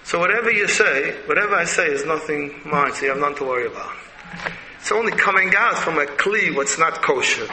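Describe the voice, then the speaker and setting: A sharp, forceful man's voice, pitched fairly high, with a Yiddish-inflected American accent. He preaches like an Orthodox rabbi, blunt and emphatic, throwing out question after question. The sound rings in an echoey hall with some noise behind it. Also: expressive, brisk. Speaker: rabbi giving a religious lecture.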